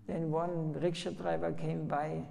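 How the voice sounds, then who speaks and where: A very slow, deeply gravelly older man preaches to a gathering, his tone dark and mellow. He tells stories in halting, broken English, and his voice rings with the long reverb of a temple hall. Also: level tone. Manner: halting, storytelling, broken non-native phrasing. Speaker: spiritual teacher. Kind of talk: sermon.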